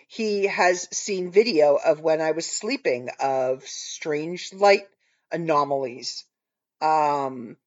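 A woman hosting her own podcast, telling rambling stories in an earnest, casual monologue. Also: sits low. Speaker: podcast host. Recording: dull lo-fi recording.

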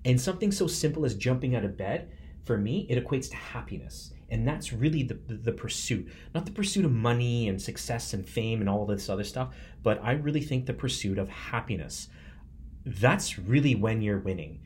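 This forty-something podcast host gives a heartfelt motivational monologue with earnest emphasis. His mid-range voice is expressive and a little mellow at a normal speed, and there's slight background noise.

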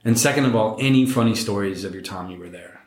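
A man's voice: fairly low pitch, quick pace, echoey room. A man hosting a tech interview podcast, chatty and friendly, often repeating words as he gathers his thoughts. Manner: conversational, repeats words when thinking. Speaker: podcast host.

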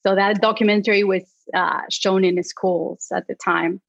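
A woman's voice: medium pitch, steady tone, moderate pace, creaky, no room sound, dull audio. A woman in her thirties from Argentina, whose first language is Spanish, chatting casually as an interview guest with many fillers and light laughs. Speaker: clinical psychologist guest.

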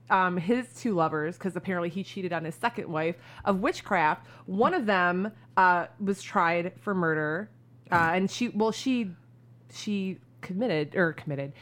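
Co-hosting a podcast, a woman tells a story in frank, joking casual chat. She is chatty and uses a lot of "like" fillers, and her voice is fairly low in pitch and a bit bright.

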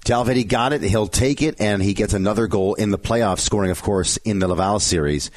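A male sports show host giving a conversational, somewhat rambling recap of hockey highlights, correcting himself as he goes. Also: a little fast, dry recording.

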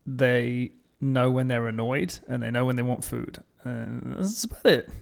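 A man's voice: medium pitch, measured pace, gravelly. A man co-hosting a podcast in casual chat, teasing his friend and swearing casually. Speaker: podcast co-host.

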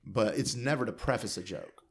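A man, a stand-up comedian, talking in a casual podcast chat in a blunt, profane, animated way. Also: on the low side, a little fast.

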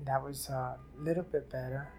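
An older woman from New City, telling her life story haltingly in an oral history interview. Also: very deep voice, fairly even intonation, a little mellow, faint music behind. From New York City. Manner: halting, repeats and restarts phrases. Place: library office.

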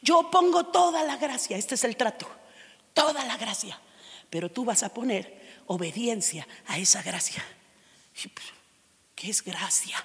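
A woman with a high voice preaches a sermon, swinging from loud, emphatic declarations down to hushed, almost whispered asides. Her voice carries a long, lingering reverb from a large church hall. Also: measured pace. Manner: expressive, shifting between loud declarations and hushed intimate tones.

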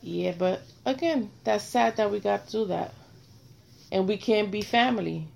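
A middle-aged woman hosting a casual chat, speaking bluntly and with animated swings between quiet and loud. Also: mid-range voice, normal speed, gravelly. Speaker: host.

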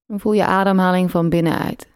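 A woman leading a guided meditation, speaking slowly and soothingly with long pauses between phrases. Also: on the low side, fairly even intonation, smooth, dry recording, studio quality.

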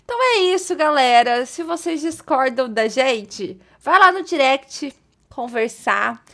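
Playful high-voiced woman podcaster. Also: expressive, sharp tone. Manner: playful, fast storytelling. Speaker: podcast co-host. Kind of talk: casual podcast chat.

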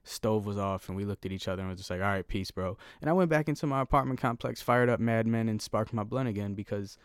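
Low, dry-voiced man rambling solo. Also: fast talker, clear, resonant tone, dry recording. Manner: rambling, profane, self-deprecating. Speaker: podcast host. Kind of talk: solo casual podcast monologue. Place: at home.

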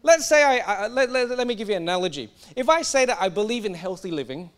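A young man from Singapore preaching a sermon, animated and emphatic, sometimes stumbling over his words and restarting. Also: high voice, fast talker, clear, resonant tone.

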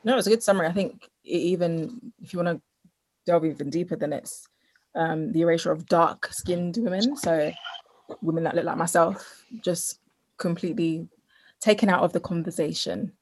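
A woman's voice: lowish voice, normal speed, darkish tone, rough recording. A woman speaking reflectively in a casual panel discussion.

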